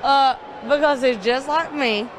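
A woman's voice: high voice, measured pace. Young georgia woman rambling brashly in an interview, crowd noise behind her. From Georgia, United States. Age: young adult. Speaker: interviewee at a monster truck event. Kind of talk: boisterous vox-pop interview. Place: busy arena concourse. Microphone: handheld interview microphone.

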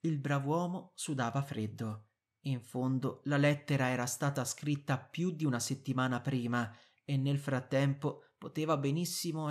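A man narrating a book for language learners in a measured, clear reading. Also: medium pitch, darkish tone. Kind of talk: scripted audiobook narration.

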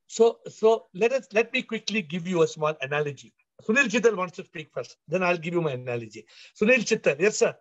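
A man leads a spiritual discussion in a notably high voice. He drives points home by repeating them and questioning his listeners. The video-call sound is dry and slightly dull. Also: animated, fairly quick, no room sound. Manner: emphatic, repeats phrases for effect. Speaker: spiritual teacher leading an online discussion.

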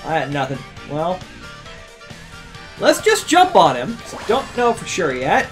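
A man's voice: a little high, huge pitch swings, a little slow, faint music behind. A man chatting casually while playing a video game, with playful exclamations. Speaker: let's play gamer. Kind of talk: casual gameplay commentary.

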